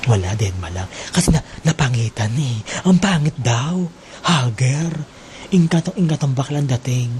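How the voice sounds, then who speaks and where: A man's voice: medium pitch, lively intonation, moderate pace, darkish tone, a little hiss or hum, low-quality recording. A man telling a teasing, exaggerated gossip story in a casual, mocking way.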